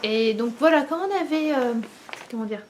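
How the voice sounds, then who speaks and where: A woman hosts a knitting video from her home, talking in a relaxed, halting way full of fillers and pauses. Her voice sits a little high. A faint hiss runs underneath. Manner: hesitant, many pauses and fillers. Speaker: knitting podcast host. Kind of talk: casual chat to camera.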